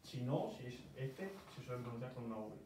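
A man's voice: medium pitch, animated, brisk, dark tone. A man from Murcia with a Murcian Spanish accent, patiently explaining English pronunciation step by step in a casual one-on-one lesson. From Murcia, Spain. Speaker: English teacher. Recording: very echoey room, mic far off, faint noise.

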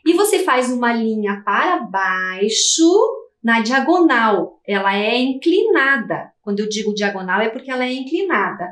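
Brazilian woman teacher, high and lively voice, patient step-by-step explaining, echoey room. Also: normal speed. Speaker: primary school teacher. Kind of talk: televised lesson for young children.

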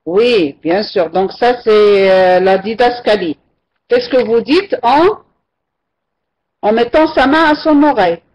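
Woman language teacher, husky voice, unhurried, corrects students, dull online class audio. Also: fairly high pitch, lively intonation, a little mellow. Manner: patient, repeats and corrects students' answers. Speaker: French teacher. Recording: muffled lo-fi online class recording.

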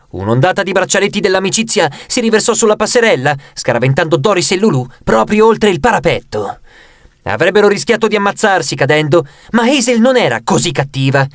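A man's voice: no room sound, studio quality. A man reading an audiobook aloud, narrating expressively and raising his voice for the characters' lines. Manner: expressive, raises pitch for quoted lines.

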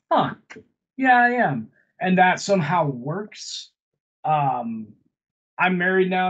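Slow, high-voiced man recapping plots. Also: husky, dull audio. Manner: meandering plot recaps with many fillers. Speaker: podcast co-host reviewing films. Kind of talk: casual chat. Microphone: video call.

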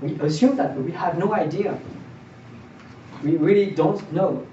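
The speaker is a young man presenting a math seminar, his high-pitched, warm voice moving a little slowly. He explains one step at a time and frequently restarts or repeats phrases. Recorded by a far camera with no microphone in a projector-equipped lecture room, the sound is distant, roomy, and dull, with faint hiss.

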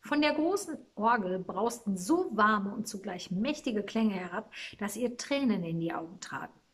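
A woman reading a Christmas storybook aloud in a calm, measured storytelling manner. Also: medium pitch, breathy edge.

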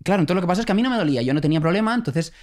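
A young man, co-hosting a podcast and telling a story in an animated, breathless way. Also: sits high, rapid-fire. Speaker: podcast co-host and actor. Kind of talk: casual storytelling chat.

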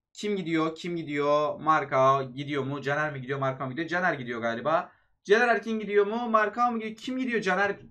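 A young man with a very high voice rattles off his own mobile football match like a sports announcer. He talks fast, urging his players on and reacting to every play as it happens. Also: a bit bright. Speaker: mobile game video creator. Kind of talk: excited gameplay commentary.

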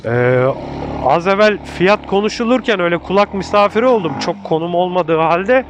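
A man's voice: sits high, animated, normal speed. A man giving casual, colloquial riding commentary as a motovlogger, speaking into a microphone inside his helmet while riding. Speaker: motorcycle vlogger reviewing a bike. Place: outdoors, riding a motorcycle in traffic. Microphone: microphone inside a motorcycle helmet. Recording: clear engine and road noise. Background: motorcycle engine and traffic noise.

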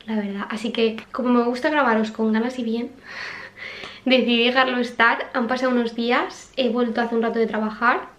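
A young woman from chats casually to camera in a home vlog, with plenty of fillers and asides to her viewers. Her voice sits a little high. The small home room around her sounds roomy and echoey. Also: steady tone, normal speed, a bit bright. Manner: chatty, lots of fillers, talks straight to viewers. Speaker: vlogger.

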